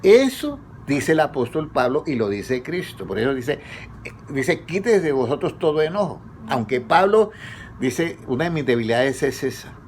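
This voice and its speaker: A man preaching conversationally, asking his congregation questions and letting them answer, his pitch rising on each question. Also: very animated, normal speed, darkish tone, slight background noise. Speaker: pastor leading a Bible study. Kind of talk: conversational sermon.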